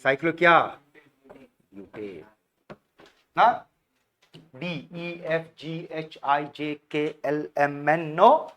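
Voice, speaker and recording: Male chemistry teacher, slightly high voice, coaxing classroom drill style. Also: expressive, moderate pace, long pauses, a bit bright, dull audio. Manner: coaxing, repeats answers, calls students beta.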